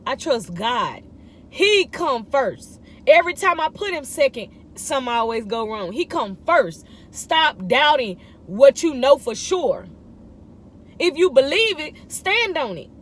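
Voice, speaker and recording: A woman's voice: high voice, big pitch swings, measured pace, fairly bright tone. A woman in her thirties giving a casual morning devotional, emphatic and repetitive as she urges listeners to keep believing. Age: 30s. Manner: emphatic, repetitive exhortation in informal speech. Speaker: vlogger giving morning encouragement.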